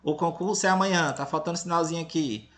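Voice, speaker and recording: This teacher is a man from Tocantins, Brazil, whose Brazilian Portuguese accent colors a fast, fairly bright, higher-pitched voice. Reading a lesson to kids, he keeps asking "entendeu?" and "beleza?" to check they follow, patient yet teasing about revealing answers.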